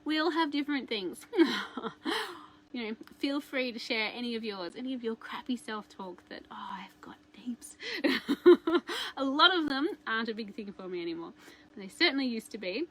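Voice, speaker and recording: A woman's voice: on the high side, expressive, moderate pace. A woman, chatting casually as a self-help host and laughing often.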